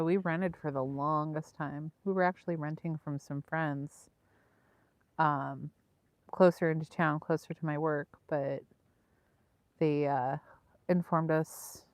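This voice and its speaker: A woman's voice: low-pitched, steady tone, measured pace, dry recording, muffled recording. A woman hosting a livestream from beside a lake, chatting casually with viewers in an easygoing, rambling way. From Southern California. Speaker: livestream host. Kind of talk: casual chat with live viewers. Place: outdoors by a lake.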